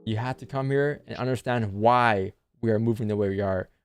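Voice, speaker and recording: A man's voice: on the low side, a little fast, smooth. A man talks casually as a livestream host, repeating his points and asking rhetorical questions. He has a speech impediment on his R sounds. Music plays behind his voice. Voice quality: speech impediment, unable to pronounce R's properly. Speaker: live trading stream host. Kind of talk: livestream commentary and casual chat.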